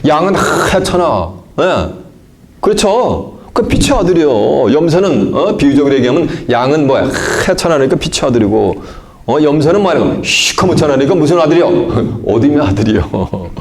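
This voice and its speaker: A man preaching a sermon. He keeps asking his listeners questions and answers them himself, and he moves between loud emphatic lines and low asides. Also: very animated, normal speed. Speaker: pastor.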